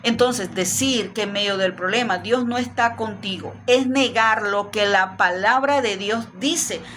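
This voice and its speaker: A woman's voice: medium pitch, measured pace, a bit bright, slight background noise. A woman preacher giving a Bible study sermon, earnest and speaking straight to the listener. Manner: earnest, addresses listener directly.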